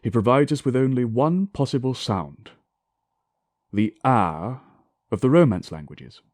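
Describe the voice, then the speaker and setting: A man giving a scripted scholarly lecture in a formal, deliberate, declamatory way, with emphatic enunciation and touches of reconstructed Shakespearean English pronunciation. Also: medium pitch, animated, a little mellow, no room sound, clean studio sound.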